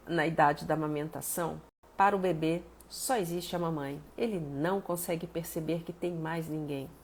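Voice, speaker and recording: A woman's voice: medium pitch, creaky, a little mellow, breathy edge. A Brazilian woman therapist giving a live-streamed teaching talk, explaining step by step, greeting viewers by name and using homely examples. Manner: fond of diminutives, homely examples. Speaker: therapist and body analyst.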